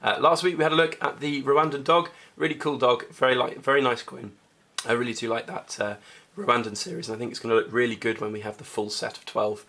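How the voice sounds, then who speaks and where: Hoarse man hosting a coin vlog. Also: medium pitch, fairly bright tone. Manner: chatty, hesitant, many ums and restarts. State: hoarse from a cold. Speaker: coin collecting channel host. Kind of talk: casual coin review vlog.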